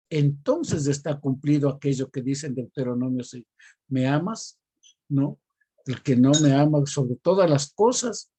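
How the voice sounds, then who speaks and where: An older man shares a testimony with a congregation, earnest and emphatic, repeating key phrases. His voice is husky and mellow, pitched a little high for a man. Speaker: church elder sharing a testimony. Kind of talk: preaching testimony in a Bible study.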